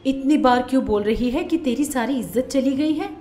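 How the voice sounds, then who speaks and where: A woman voicing a suspicious, scolding older mother-in-law in a cartoon story, with a sharp, gruff manner. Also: high-pitched, normal speed, lightly acted. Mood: stern. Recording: roomy echo, faint music.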